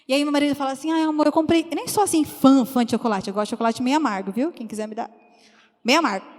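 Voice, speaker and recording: A woman with a high voice preaches to her church in a friendly, chatty way and tells stories. She acts out the voices of the people she quotes. Her voice rings with a long reverb from the church hall. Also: expressive, racing. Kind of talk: sermon.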